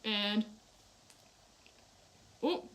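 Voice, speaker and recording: A woman's voice: extremely slow, a bit bright. A young woman chatting casually on a live stream, snacking and talking with her mouth full between remarks. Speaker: YouTuber and English teacher in Japan.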